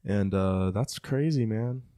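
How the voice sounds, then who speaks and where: Chatty co-host full of fillers. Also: male voice, on the low side, slow pace, warm tone. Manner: chatty, heavy on like and you know. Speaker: podcast co-host. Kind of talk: casual podcast chat.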